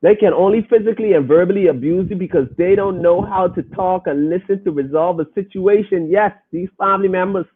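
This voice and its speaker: A man with a high, husky voice runs a podcast, tossing out casual commentary on listener comments in a brisk, nearly pause-free rush. He preaches emphatically right at his listeners, and his voice comes across narrow and thin like a phone call.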